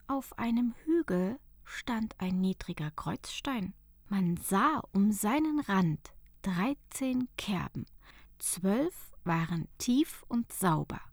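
A woman reading a storybook tale aloud in a soft, calm, unvoiced whisper. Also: medium pitch, creaky, dry recording. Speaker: narrator.

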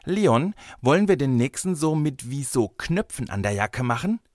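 A man's voice: medium pitch, big pitch swings, moderate pace, a little mellow, no room sound, clean studio sound, voice pushed up, lightly acted. A man voicing a stubborn little girl who tattles, in a storybook reading. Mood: eager. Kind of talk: audiobook character voice.

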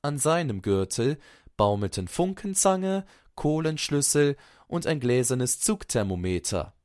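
Calm man narrating a storybook slowly. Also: mid-range voice, smooth, no room sound, studio quality.

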